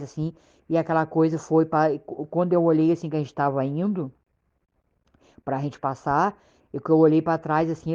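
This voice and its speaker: A woman from Rio Grande do Sul, speaking with a Southern Brazilian accent, shares a frightening personal account in low, dark tones. The telling is casual, halting, and repetitive, punctuated by frequent "sabe?" checks to her listener, and the recording is dull lo-fi.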